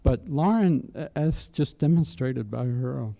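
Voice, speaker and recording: A man giving emotional public testimony as the applicant's father, halting and earnest, with repeated restarts. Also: medium pitch, animated, vocal fry, dark tone. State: emotional, voice catching. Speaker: public hearing speaker, parent of applicant.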